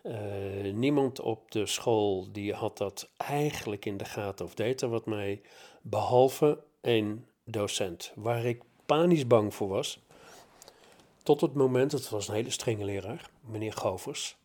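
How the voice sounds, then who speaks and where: A middle-aged man speaks slowly and thoughtfully, pausing often and filling gaps with hesitations. His voice sits on the low side as he tells a personal story in an unhurried, reflective way. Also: a little mellow. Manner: reflective, with many hesitations and fillers.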